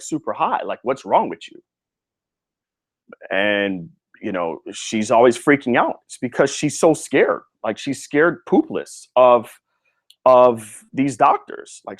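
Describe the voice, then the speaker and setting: A man who is a physical therapist, giving a live online lecture in a slangy, animated way, talking straight to his listeners. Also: medium pitch. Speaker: physical therapist coaching students.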